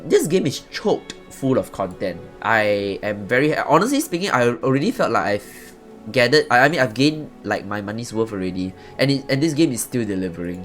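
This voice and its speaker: A man giving chatty, rambling commentary as the host of a casual let's-play. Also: lowish voice. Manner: chatty, rambling, swears lightly. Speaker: gaming channel host.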